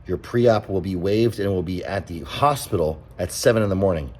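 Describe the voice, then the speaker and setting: A man's voice: deep voice, moderate pace, a little mellow, rough recording. A young man talking in a casual vlog, blunt and exasperated, swearing freely as he rants. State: out of breath. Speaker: vlogger.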